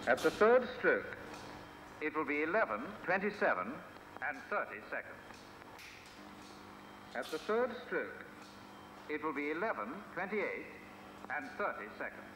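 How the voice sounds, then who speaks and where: A man's recorded voice used as a talking clock, his words spliced together by the machine into measured, formal announcements. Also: fairly high pitch, very animated, over a noisy crowd. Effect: spliced-together recorded words, played back by a talking clock machine. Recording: echoey, distant, noisy playback.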